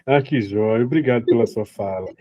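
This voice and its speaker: A man teaching a church family class as a psychoanalyst, calm and reassuring, explaining terms and checking in with his listeners. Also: medium pitch, normal speed, dull audio, a little hiss or hum. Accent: Brazilian Portuguese. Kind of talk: teaching talk answering a participant.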